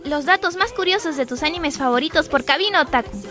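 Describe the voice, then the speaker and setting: Chirpy high woman promo voice. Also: animated, fairly quick, pushed and bright, soft background music. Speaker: promo announcer. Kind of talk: radio promo read.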